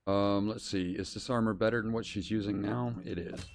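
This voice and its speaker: A man's voice: fairly low pitch, steady tone, fairly quick, vocal fry. A man streaming a role-playing game, casually thinking aloud and reading out game text as he plays.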